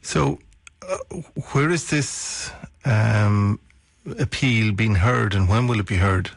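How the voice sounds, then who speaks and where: An Irish man with a husky, slightly low voice works as a radio interviewer. He questions seriously and deliberately, restating what he hears. The studio sound is dry. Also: no room sound. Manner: probing, deliberate, rephrases back to the guest.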